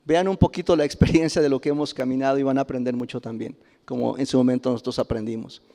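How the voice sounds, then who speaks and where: A middle-aged man with a Mexican Spanish accent preaching a sermon, telling personal stories with frequent chuckles and loud exclamations. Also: mid-range voice, fast. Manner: animated, chuckles often, rises to loud exclamations. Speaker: pastor. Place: church sanctuary. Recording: reverberant church hall.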